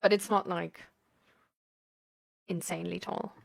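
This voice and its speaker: Speaking with a fairly low, creaky voice, a steady tone and a measured pace, a woman from Germany hosts a live, casual chat. She thinks aloud and rambles in a hesitant, giggly manner, often laughing mid-sentence.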